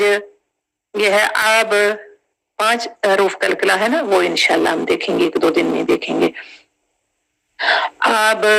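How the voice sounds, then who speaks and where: A woman teaching Quran recitation rules, drawing out syllables slowly and patiently, often asking her students check questions. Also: mid-range voice, vocal fry, a bit bright, rough recording. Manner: drawn-out syllables, patient step-by-step explanation with frequent check questions. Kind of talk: tajweed lesson, slow spelled-out recitation.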